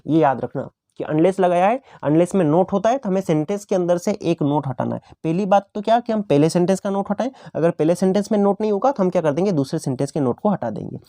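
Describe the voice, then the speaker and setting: Male tutor, exam-prep grammar lesson, slightly high and mellow, dry close recording. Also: lively intonation, dry recording. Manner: repetitive teacher's questions and answers, slows down on English examples. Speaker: English teacher.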